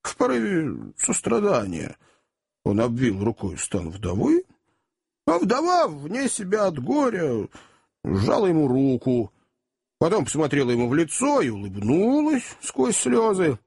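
A man narrates an audiobook as a chatty first-person storyteller, speaking as if to gentlemen gathered around him. His voice is slightly husky and a little higher than most men's. His pitch moves in lively swings. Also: measured pace.

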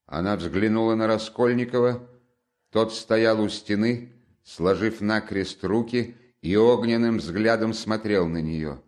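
Male narrator, low voice, steady classic novel reading. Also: measured pace. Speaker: audiobook narrator.

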